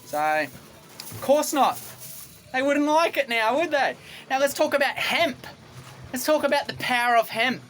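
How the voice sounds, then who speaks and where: A man's voice: very high voice, expressive, unhurried, pauses often, fairly bright tone, a little hiss or hum. Ranting Australian man on a boat. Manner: rambling, repetitive, combative. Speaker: vlogger. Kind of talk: ranting monologue to camera. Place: on a boat outdoors.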